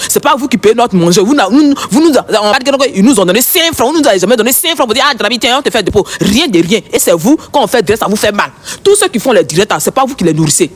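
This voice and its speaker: A woman's voice: on the high side, expressive, fast talker, husky. A woman with an Ivorian French accent hosting a live stream from home on her phone, scolding her viewers in a combative, repetitive rant. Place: home, early morning.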